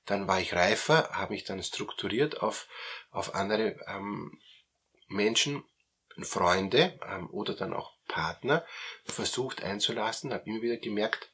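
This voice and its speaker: Austrian male coach, middle-aged, husky low voice, explanatory and halting. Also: lively intonation, a bit bright. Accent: Austrian German. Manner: hesitant, many fillers and repeated words. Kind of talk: explanatory talk.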